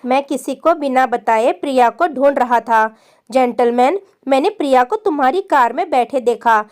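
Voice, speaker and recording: A woman voicing a grateful father who thanks a stranger with deep emotion in a spoken story. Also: moderate pace, a little mellow, smooth, close to an everyday voice. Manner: heartfelt, grateful.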